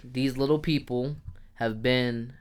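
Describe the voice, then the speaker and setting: A young man co-hosting a casual podcast, reading folklore notes haltingly and joking with friends. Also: medium pitch, steady tone, a little hiss or hum. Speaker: podcast co-host.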